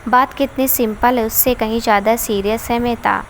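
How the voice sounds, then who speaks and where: A woman's voice: on the high side, steady tone, moderate pace, a little hiss or hum, lightly acted. A woman voicing a furious, domineering young man. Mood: angry scolding. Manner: harsh, scolding.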